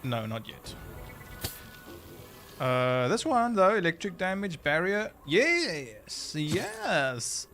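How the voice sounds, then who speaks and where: Male live streamer, chatty, animated pitch, noticeable noise. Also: extremely slow. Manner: chatty, reacts aloud, mutters to himself. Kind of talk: casual live gameplay commentary.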